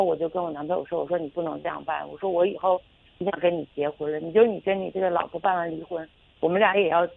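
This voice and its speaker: A woman's voice: lowish voice, gravelly. A woman calling in to a radio show, telling a personal story in a hesitant, rambling way full of fillers and restarts. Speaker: caller. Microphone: telephone. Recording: tinny phone line.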